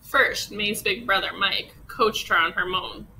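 A woman teacher reading a children's picture book aloud, expressive and unhurried. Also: mid-range voice, a little hiss or hum, poor audio. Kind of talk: children's storybook read-aloud.

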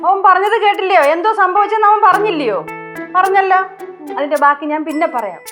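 A woman's voice: very high voice, quick pace, bright, forceful tone, soft background music. An actress playing a stern mother who questions and warns a young woman in a TV sitcom. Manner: firm, scolding. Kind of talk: sitcom acting.

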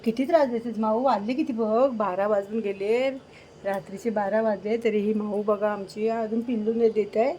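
A woman's voice: medium pitch, steady tone, moderate pace, warm tone, a little hiss or hum, low-quality recording. A woman fussing over her cat and talking to it, in a casual home vlog at night. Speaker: vlogger caring for a pregnant cat.

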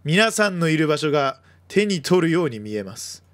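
A drunk man chatting excitably during an online game, silly and prone to laughing and chanting. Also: a little high, moderate pace, no echo. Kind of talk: casual multiplayer game chat.

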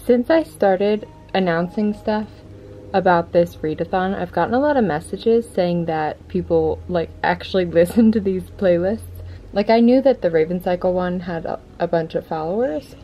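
Filming at home, largely in her bedroom, this twenties book vlogger keeps things informal and excited. She speaks at a normal pace in a lowish voice, and the lo-fi recording carries a little hiss or hum.

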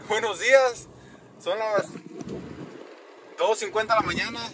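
A thirty-something man with a Mexican accent speaks unhurriedly in a high, bright voice with a forceful tone, chatting in slangy, cussing Chicano-style talk for a casual vlog. He holds his phone at arm's length in a truck cabin and outside in the snow at night, and the recording picks up car and outdoor noise.

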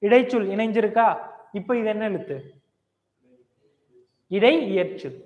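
A man's voice: high voice, unhurried. A male teacher giving a classroom grammar lecture, quizzing his students and repeating the key points. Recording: echoey, tinny lo-fi hall recording.

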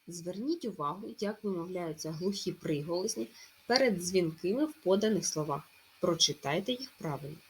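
A woman teaching a primary school language lesson in a recorded remote class, clearly stressing each sound as she dictates. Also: on the low side, lively intonation, moderate pace, a little hiss or hum, low-quality recording.

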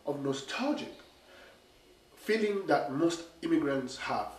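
Standing on a small theatre stage, a man in his forties with a cold speaks nasally and slowly in a fairly high voice, addressing the camera about the play he wrote and directed. He's an animated storyteller who uses his hands. The camera mic sits a few metres off, so the sound is distant and echoey with a bit of hiss or hum.

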